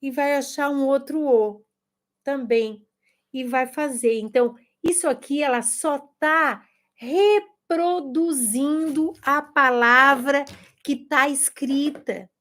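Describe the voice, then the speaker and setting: A woman's voice: high voice, slow, fairly bright tone. A woman giving a casual video lesson to teachers, demonstrating games to the camera and sounding out words. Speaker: teacher and educator. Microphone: camera facing her.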